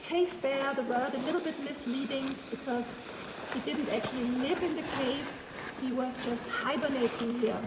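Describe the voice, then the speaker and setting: High-voiced woman guide in echoing cave. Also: moderate pace. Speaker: tour guide. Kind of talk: explanatory guided-tour talk. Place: inside a large ice cave. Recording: echoey cave, distant mic, noisy.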